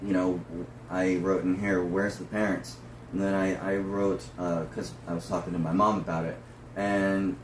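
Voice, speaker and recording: A man who is a drag performer, talking casually through notes in a discussion. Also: deep voice. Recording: roomy, distant mic with faint noise.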